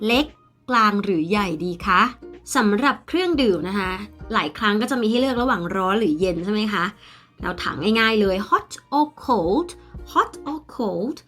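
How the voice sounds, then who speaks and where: A young Thai woman teaching English in a casual video lesson, explaining in Thai and saying English phrases slowly and clearly. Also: medium pitch, fairly bright tone, faint music behind. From Thailand.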